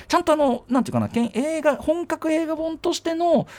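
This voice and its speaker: A man's voice: very high-pitched, darkish tone. A man hosting a radio show, making rambling announcements in a casual, self-correcting way. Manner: fast, rambling, self-correcting, polite asides. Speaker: radio host.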